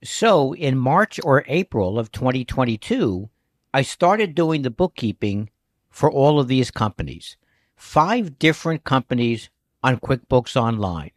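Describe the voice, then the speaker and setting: Lively-voiced male bookkeeping podcast host. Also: mid-range voice, a little slow, no room sound, clean studio sound. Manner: chatty, prone to digressions. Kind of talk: scripted podcast monologue.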